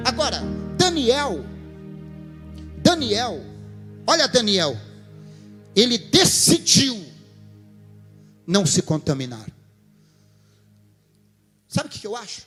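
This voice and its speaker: A man's voice: very high-pitched, big pitch swings, takes it slowly, long pauses, long reverb tail, music in the background. A man, a pastor, preaching a sermon, telling a counseling story and acting out its dialogue before rising to emphatic appeals.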